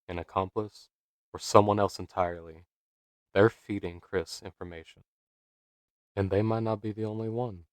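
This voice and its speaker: Low voiced guy reading his video essay script, slow dramatic questions, dry sound. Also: darkish tone, no room sound. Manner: measured, dramatic delivery with rhetorical questions. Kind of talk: scripted narration.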